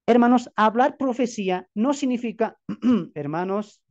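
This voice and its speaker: A man's voice: high-pitched, expressive, measured pace, a little mellow, highs cut off. A man from Bolivia, a pastor teaching from the Bible in an emphatic preaching style full of rhetorical questions and repeated phrases. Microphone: video call.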